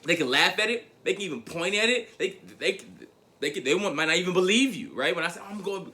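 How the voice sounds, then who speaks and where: A young adult man giving a motivational speech, telling a personal story in an animated way, often repeating his words and calling the audience "guys". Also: high-pitched, fast talker. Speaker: motivational speaker.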